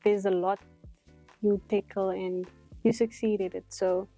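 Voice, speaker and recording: A woman's voice: medium pitch, level tone, measured pace, dark tone, faint music behind. A woman interviewing casually, with an encouraging, affirming way of talking. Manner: encouraging, frequent affirming backchannels. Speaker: podcast interviewer.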